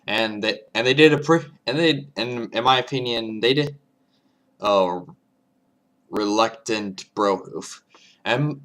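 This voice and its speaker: A man hosts a casual reaction commentary in a fairly low voice. He talks haltingly, circling back and repeating phrases as he searches for words. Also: fairly bright tone. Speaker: reaction video host.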